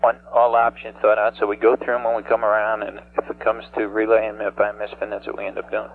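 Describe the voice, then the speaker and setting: A man's voice: on the low side, completely flat delivery, fast talker, vocal fry. A man acting as flight director, talking technically and insistently over a mission control radio loop. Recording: noisy, humming, phone-like radio loop.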